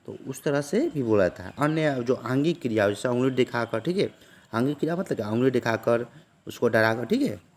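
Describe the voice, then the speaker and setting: A man's voice: medium pitch, animated, brisk. A man tutoring online, walking through exam questions and answers, who keeps asking a question and then answering it himself and keeps checking in the listener. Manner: repeats "theek hai" constantly, asks and answers own questions.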